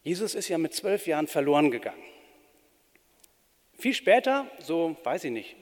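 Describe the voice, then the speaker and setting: A pastor giving a sermon in an earnest, plain-spoken way with shifting emphasis. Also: male voice, a little high, very animated, moderate pace. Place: church. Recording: reverberant church hall.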